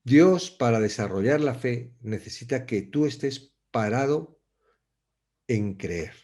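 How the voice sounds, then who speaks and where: A man from leads a relaxed Bible study, thinking aloud as he goes. He circles back on his phrases and restarts sentences while he searches for the right word. His voice sits at an ordinary middle pitch for a man. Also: takes it slowly. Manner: reflective, searching for words, frequent restarts. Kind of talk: conversational Bible teaching.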